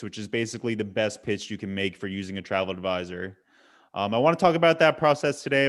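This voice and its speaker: Low-voiced man hosting a webinar. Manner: loose, repeats words while framing questions. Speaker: webinar host. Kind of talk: hosted webinar interview.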